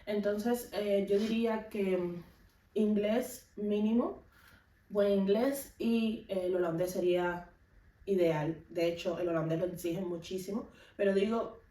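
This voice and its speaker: A Cuban woman who is a vlogger and music teacher talks casually to viewers, explaining things and offering practical, instructive advice in her Cuban accent. Her mid-range voice is dark in tone and a little slow. The mic is distant in an echoey room.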